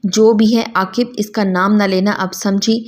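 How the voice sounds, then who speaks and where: A woman's voice: medium pitch, little pitch movement, close to an everyday voice. A woman reading a stern, scolding mother.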